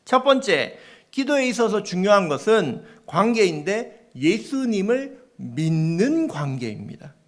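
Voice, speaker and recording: A male pastor delivers a sermon in a high voice that rises and falls a great deal. He explains step by step, asks the congregation rhetorical questions, and acts out the voices he quotes. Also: sing-song, a little slow.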